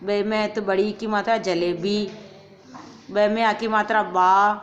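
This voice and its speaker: A woman teacher giving a recorded grammar lesson to young children, going slowly, repeating each point and asking questions that she answers herself. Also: mid-range voice, steady tone, lo-fi sound, slight background noise. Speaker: primary school teacher.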